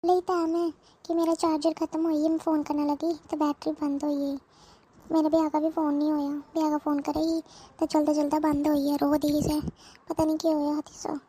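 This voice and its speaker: A woman's voice: sits high, little pitch movement, fairly quick, warm tone, close to an everyday voice. A woman voicing a worried older mother-in-law, rambling and pleading. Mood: fretting. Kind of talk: cartoon voice acting.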